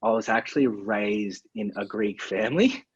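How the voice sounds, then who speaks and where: An Australian man with a fairly low, husky voice talks at a normal speed as a guest on a podcast. He's laid-back, sprinkling "man" and "like" through the casual chat. The recording is dull, lo-fi and dry.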